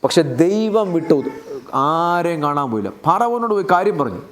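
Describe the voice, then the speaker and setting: A man with a Keralite Malayalam accent preaches a sermon in a fairly high voice. He retells Bible stories in everyday, conversational language. He keeps firing questions at the congregation. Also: sing-song, moderate pace, a little hiss or hum. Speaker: pastor.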